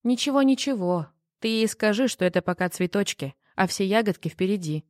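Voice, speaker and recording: A woman's voice: mid-range voice, lively intonation, a little fast, darkish tone, no echo, close to an everyday voice. Woman reading as a pushy teasing wife, needling questions, dry close sound. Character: prying, teasing wife, worried. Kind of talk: audiobook reading.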